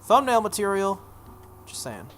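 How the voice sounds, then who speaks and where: Reading a visual novel aloud, this playthrough host mixes dramatic narration and acted-out dialogue with offhand comments. The mid-range voice is sing-song, unhurried and fairly bright, and a light layer of noise sits on the recording.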